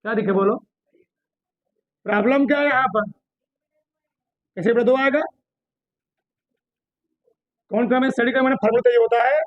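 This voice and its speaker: A man a very high voice teaches physics in a classroom. He keeps asking his students questions and gently scolds them as he works. The sound is dry and close, no room echo. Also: fairly even intonation, fast talker, highs cut off. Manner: drills students with repeated questions, scolds lightly. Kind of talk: classroom lesson solving problems on a board.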